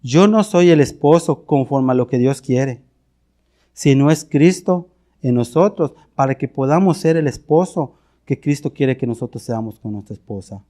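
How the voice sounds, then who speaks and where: With a warm, expressive, mid-range voice at normal speed, a middle-aged pastor with a Mexican Spanish accent preaches a confessional sermon. He is earnest, often going back to repeat words or restart a phrase.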